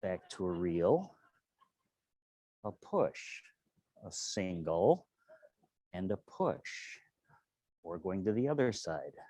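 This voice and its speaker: Low-voiced man giving serene tai chi cues. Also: sing-song, slow pace, long pauses, warm tone, no room sound. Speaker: tai chi and qigong instructor. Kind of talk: tutorial movement cues.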